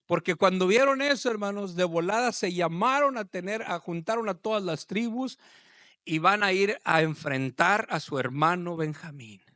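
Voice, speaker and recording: A man preaching a sermon as pastor, swelling from low talk to loud, shouted passages. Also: normal speed, no room sound, clean studio sound.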